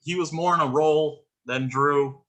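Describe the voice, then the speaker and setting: Blunt man with a bright voice. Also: fairly high pitch, steady tone, a little slow. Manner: blunt, exasperated opinions. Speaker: podcast co-host. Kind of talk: casual chat about wrestling.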